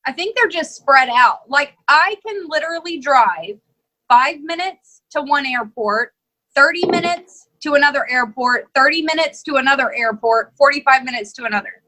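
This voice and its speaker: A woman co-hosting a casual podcast chat, animated and laughing often as she builds theories. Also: high voice, normal speed, poor audio. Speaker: podcast co-host.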